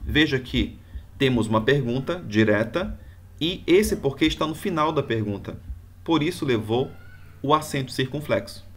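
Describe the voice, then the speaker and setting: A man's voice: mid-range voice, animated, moderate pace. Man giving a grammar lesson. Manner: didactic, explains step by step with examples. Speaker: Portuguese teacher.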